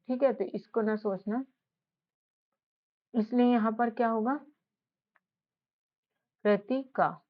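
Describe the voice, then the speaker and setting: A woman in a mid-range voice gives an informal spelling lesson. She speaks patiently and keeps asking the learner questions to check they follow. The recording sounds slightly muffled and lo-fi. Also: medium pitch. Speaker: English teacher. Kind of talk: casual spoken lesson. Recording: slightly dull lo-fi audio.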